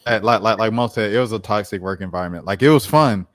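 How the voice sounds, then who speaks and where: A podcast co-host telling a work story in relaxed, slangy speech. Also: male voice, lowish voice, quick pace, no echo. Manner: laid-back slang-filled storytelling. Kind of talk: casual chat.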